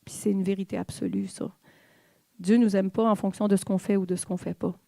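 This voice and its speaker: A woman's voice: mid-range voice, steady tone, brisk, creaky, warm tone, no echo. A woman with a Québécois accent giving a personal testimony sermon to a church, candid and confiding as she speaks straight to the congregation. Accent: Québécois French. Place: church in Quebec.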